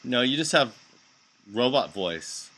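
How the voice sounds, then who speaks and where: A man's voice: medium pitch, big pitch swings, slow, fairly bright tone, rough recording. A man hosting a casual live stream chat, making wry, skeptical asides. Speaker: show host.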